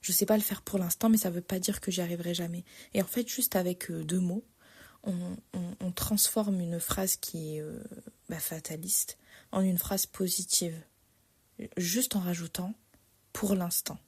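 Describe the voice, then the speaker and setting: A woman's voice: lowish voice, fairly even intonation, moderate pace, a little mellow, slightly rough. A young woman hosting a solo motivational podcast, reflective, repeating key phrases and correcting her own wording. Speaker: podcast host.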